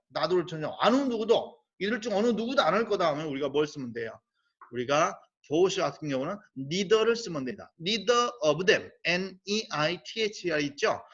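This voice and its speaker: A man teaching a high school English grammar lesson, explaining step by step, asking rhetorical questions and slowly spelling out English phrases. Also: a bit bright, highs cut off. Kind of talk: recorded grammar lecture.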